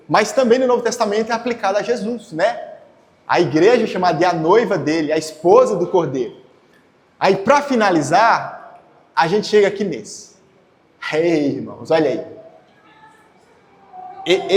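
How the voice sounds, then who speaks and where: A man preaching a teaching sermon and asking his listeners rhetorical questions. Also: high voice. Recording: echoey hall.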